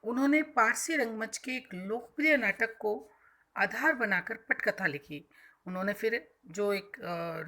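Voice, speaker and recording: A woman's voice: medium pitch, sharp tone. A woman school teacher explaining a textbook chapter to children, defining hard words simply and repeating herself as she goes.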